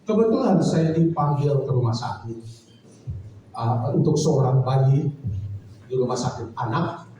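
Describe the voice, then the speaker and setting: A male pastor preaches, telling a personal story in an earnest, reflective way. His voice is deep, dark and mellow. It comes from some way off the mic and rings through a very echoey hall over faint ambience. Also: expressive, measured pace, pauses often, far from the mic, slight background noise.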